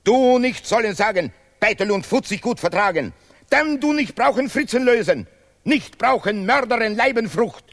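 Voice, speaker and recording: This actor's high, animated voice carries a stern, indignant mood as he plays a sanctimonious, pompous male laureate. The absurdist radio play has him declaiming vehemently in purposely broken grammar.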